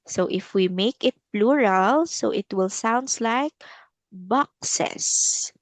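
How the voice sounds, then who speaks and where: A woman tutoring English one-on-one, drawing out each model word slowly and praising often. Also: a little high, no room sound. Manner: slow, drawn-out model words. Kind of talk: online one-on-one English lesson.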